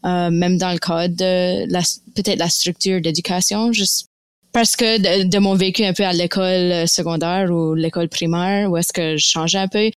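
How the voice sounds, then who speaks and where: A young woman with an Acadian French accent speaks as a podcast guest, pausing often to find her words. Her voice sits fairly low and sounds smooth and resonant. The recording is dry and close. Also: level tone, no echo. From Nova Scotia. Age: young adult. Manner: hesitant, searching for words. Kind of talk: casual interview talk.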